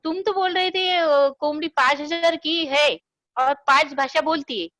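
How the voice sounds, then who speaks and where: A woman as a calm wife answering back. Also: sits high, a little slow, no room sound, studio quality. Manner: calm, matter-of-fact. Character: calm wife explaining herself to husband.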